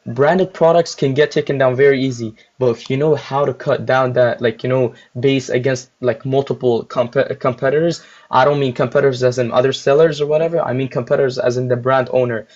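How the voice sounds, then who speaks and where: A man's voice: mid-range voice, fairly even intonation, brisk, hardly any pauses, a little mellow. A young man chatting casually on a livestream as a guest store owner, rambling with lots of filler words while chewing gum. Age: young adult. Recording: muffled lo-fi audio.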